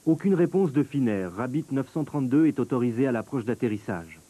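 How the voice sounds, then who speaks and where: A man narrating a documentary in a measured, scripted, explanatory way. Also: mid-range voice, animated, dark tone, poor audio.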